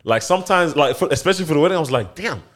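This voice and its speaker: A man's voice: fairly high pitch, expressive, very fast, fairly bright tone. A man hosting a podcast in casual group chat, using slang and acting out remembered remarks. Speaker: podcast host.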